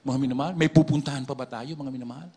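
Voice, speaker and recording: A man's voice: medium pitch, fairly even intonation, rapid-fire, warm tone, slightly rough. A man giving an emphatic testimony to a congregation, often turning to address the listeners as beloved. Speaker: church member giving testimony.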